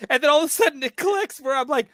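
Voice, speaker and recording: A man's voice: very high-pitched, lively intonation, brisk, fairly bright tone, no echo, studio quality. A man hosting a podcast in casual chat, upbeat and laughing often as he reads out names from the chat. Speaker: podcast host.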